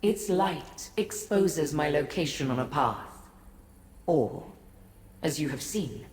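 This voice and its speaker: In a low, expressive and slightly mellow voice, an actress voices a remote, godlike ancient in a fantasy game. Her scripted lines are formal, measured, grave and composed, and she looks down on mortals with cryptic haughtiness, all in an echoey space with long reverb.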